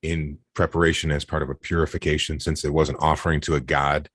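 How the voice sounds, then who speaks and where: A man's voice: rumbling low, little pitch movement, quick pace, a bit bright, husky, no room sound, clean studio sound. A man co-hosting a casual podcast, talking bluntly with swearing. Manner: blunt and profane. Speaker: podcast co-host.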